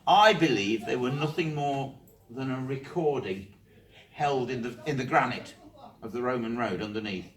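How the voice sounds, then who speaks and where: A man, a historian, telling ghost stories to a group, animated, sometimes repeating words as he goes. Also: medium pitch, moderate pace. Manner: animated storyteller, repeats words while searching. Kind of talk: storytelling talk to a group. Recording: roomy, from far off.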